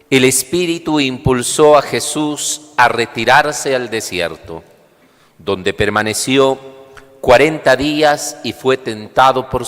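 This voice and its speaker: A man preaching a homily at Mass, in a measured, unhurried cadence. His mid-range voice rings out with the long, echoing reverb of a large church hall. It sounds like the audio of a livestreamed service. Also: medium pitch, a bit bright. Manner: slow, deliberate preaching cadence. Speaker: priest.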